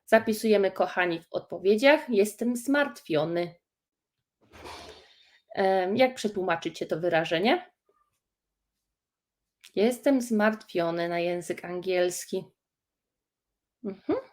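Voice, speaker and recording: A woman teaching English phrases in a live stream, slow and encouraging as she reads out viewers' comments. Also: mid-range voice. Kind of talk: live-streamed language lesson.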